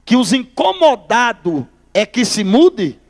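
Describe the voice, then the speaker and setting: A man voicing a small, fearless male pastor who answers calmly and without worry. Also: very high voice, slow, exaggerated voice.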